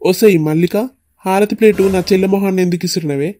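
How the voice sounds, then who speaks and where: A man playing a quick-tempered husband in a cartoon comedy, barking threats in a Telangana Telugu accent. His voice sits high and rushed, with a mellow, dark tone. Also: lightly acted. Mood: furious. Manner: scolding, shouting threats. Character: angry young husband, hot-tempered and bossy. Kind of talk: cartoon voice acting.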